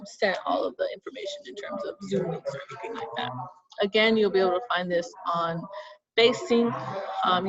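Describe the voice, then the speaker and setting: A young woman with a lowish voice and lo-fi audio, working as a student orientation leader, hiccups her way through a casual screen-share on a video call. She chats upbeat and filler-heavy while showing campus web links.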